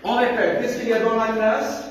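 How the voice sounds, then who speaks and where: A man teaching young pupils in a classroom, prompting and praising them and repeating words slowly. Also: very high-pitched, fairly even intonation. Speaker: primary school teacher. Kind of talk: classroom teaching, drilling children. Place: large echoey classroom. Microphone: camera far off. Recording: echoey classroom, distant mic, noise.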